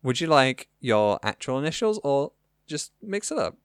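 A male podcast host talking casually, rambling enthusiastically and piling up fillers. His smooth voice swings up and down in pitch. The sound is close and dry. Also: big pitch swings, normal speed, dry recording. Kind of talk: casual chat.

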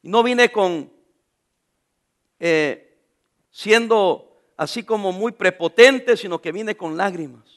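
A middle-aged man preaching a sermon, calling out to the congregation and reading scripture aloud with them. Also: sits high. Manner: animated preaching, calls out to the congregation; reads scripture slowly with the congregation. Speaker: pastor.

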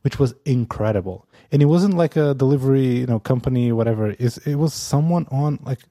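Here a man co-hosting a podcast chats casually and rambles, full of fillers and restarts and frequent laughs; he lives in Amsterdam. His voice is medium-pitched and warm, his delivery brisk, captured in a dry, studio-quality recording.

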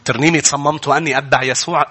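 Lebanese-accented male pastor, fast-talking and fiery, husky edge, bursts into shouts. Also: fairly high pitch, steady tone. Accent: Lebanese Arabic. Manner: preaching with sudden loud rises to shouting. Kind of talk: sermon.

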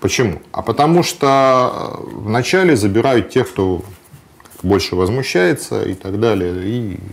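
Man, low voice, very animated intonation, matter-of-fact explainer, hesitant fillers. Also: measured pace, vocal fry. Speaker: guest sharing travel experience. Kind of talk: conversational interview.

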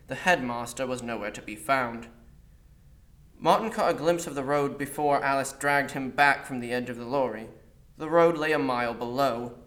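A man reading a fantasy story aloud in a measured storytelling manner. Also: medium pitch, fairly bright tone. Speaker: story reader. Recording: echoey room.

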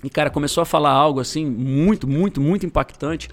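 A middle-aged Brazilian man, his voice a little high and brisk, shares his conversion testimony as a guest in a casual chat. He tells it in a slangy, emphatic way, with bursts of loudness.

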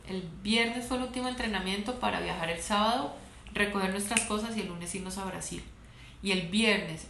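Woman, sports doctor, chatty and playful storyteller; roomy echo, faint noise underneath. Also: medium pitch. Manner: animated, laughs often, playful storytelling. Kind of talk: casual interview talk. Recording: echoey room, faint background noise.

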